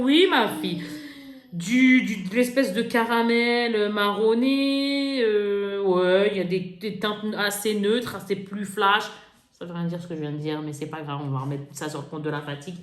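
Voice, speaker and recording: A woman beauty vlogger with a mid-range voice shows off her makeup haul at a normal pace. She's chatty and lively, laughing a lot and poking fun at herself. The room is echoey, with faint background noise.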